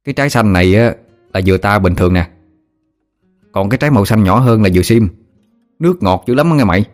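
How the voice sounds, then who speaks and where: A man's voice: on the low side, expressive, faint music behind, natural voice. A man with a Southern Vietnamese accent voicing an older village boy who teases and shows off. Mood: boastful. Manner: teasing, brash, quick-talking. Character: older village boy, teasing, brash, showing off.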